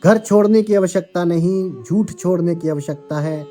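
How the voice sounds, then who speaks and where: Calm guy giving a spiritual sermon, warm mellow voice, faint music under it. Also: high voice. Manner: calm, measured, addresses listeners as seekers. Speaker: spiritual teacher. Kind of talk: devotional spiritual discourse.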